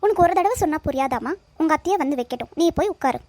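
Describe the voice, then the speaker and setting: A woman's voice: high voice, lively intonation, very fast, a little mellow, no room sound. Woman voicing a bossy fussy aunt. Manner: bossy, impatient. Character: fussy older aunt at a family function, bossy.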